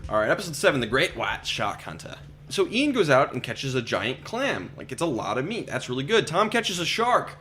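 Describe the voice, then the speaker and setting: A man's voice: mid-range voice, fairly quick, a little hiss or hum. A man hosting a casual podcast, leading the rundown of episode events. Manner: lively, leads the episode rundown. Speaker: podcast host. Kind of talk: casual recap chat.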